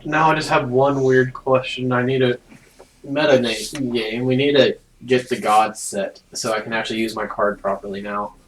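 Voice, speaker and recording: A man's voice: mid-range voice, steady tone, moderate pace, low-quality recording. Male player, methodical rules asker, slight background noise. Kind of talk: casual tabletop banter.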